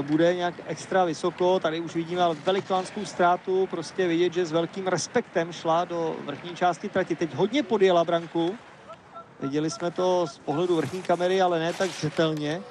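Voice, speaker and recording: A man giving live, measured ski race commentary, analytical and hesitating now and then. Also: high-pitched, fairly even intonation, a little mellow, slight background noise.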